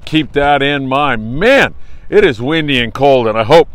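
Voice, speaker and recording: An American man hosts a fishing report show, giving an outdoor morning briefing on a windy beach in an upbeat, hearty, folksy and emphatic style like a travel show host. His mid-range voice is expressive and fairly bright, a little slow, with no echo.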